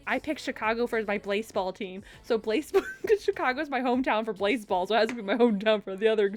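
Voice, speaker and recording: A young woman chats live on her stream and hands out blunt, opinionated verdicts with quick laughs and asides. Her voice sits high and swings widely in pitch. Faint music plays under her talk. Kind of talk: casual live-stream chat while ranking logos.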